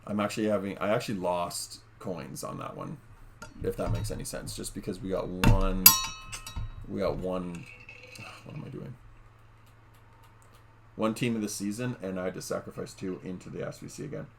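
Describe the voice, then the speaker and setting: Speaking from his home room, a gaming YouTuber talks in a low, expressive, creaky voice at a moderate pace, pausing often, with background noise present. His casual gameplay commentary is chatty and full of fillers, and he calls his viewers "guys."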